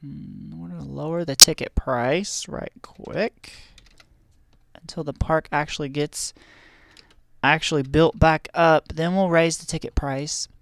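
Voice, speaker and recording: A man's voice: a little high, fairly even intonation, a little slow, gravelly, a bit bright, no echo. A man streaming a park-building game, talking casually through a headset at home with lots of fillers and restarts. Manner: rambling, chatty, many fillers and restarts. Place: home room with a heater.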